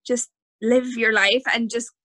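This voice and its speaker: Frank young woman in her twenties as a guest, bright voice, dry close sound. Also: a little high, fairly even intonation, measured pace, dry recording. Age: 20s. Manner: frank, plain-spoken, with "you know" and "like". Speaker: podcast guest. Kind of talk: candid podcast conversation.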